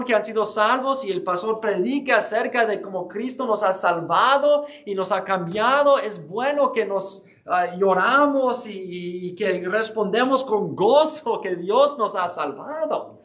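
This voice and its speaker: A man's voice: high-pitched, unhurried, a bit bright. A man giving an earnest church history lecture, explaining with frequent restarts and hesitations.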